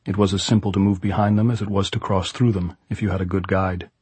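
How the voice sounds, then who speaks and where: Guy reading a novel aloud, lowish husky voice, very dry sound, audiobook narration. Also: little pitch movement, quick pace, a little mellow, no echo. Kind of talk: scripted literary narration.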